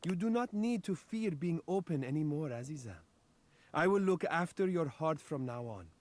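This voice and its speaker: An actor playing a devoted romantic suitor in a video game, speaking earnestly and soothingly. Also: male voice, on the high side, lively intonation, normal speed, dry recording, lightly acted. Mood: tender devotion.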